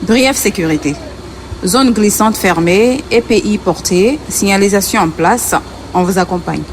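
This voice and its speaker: A woman's voice: medium pitch, unhurried, a little hiss or hum, close to an everyday voice. Woman acting a firm site boss, long reverb. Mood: brisk. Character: firm, exacting female construction site manager and mother. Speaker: actor in a French radio drama. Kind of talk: radio drama acting.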